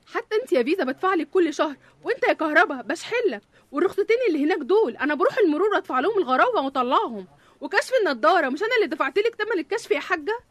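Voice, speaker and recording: A woman plays a defensive, self-important salary in an Egyptian comedy sketch. Her pitch swings widely, and she rattles through her complaints at speed. The sound is dry. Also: animated, racing, fairly bright tone, dry recording.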